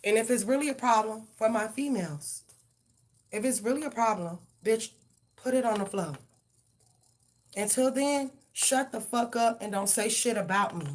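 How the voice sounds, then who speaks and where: A woman's voice: on the high side, expressive, moderate pace. Blunt, profane woman tarot reader. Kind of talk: live tarot reading and rant.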